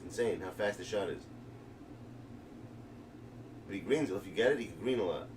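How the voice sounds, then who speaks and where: A new streamer from New York delivers casual gaming livestream commentary in a low-pitched male voice, talking a little fast. He's excited, slangy and rambling, picked up by a distant mic with clear background noise.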